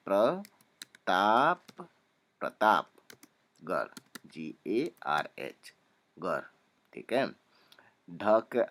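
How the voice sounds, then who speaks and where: In a low voice, a young man calmly leads a spelling lesson, going through names letter by letter and saying each one twice.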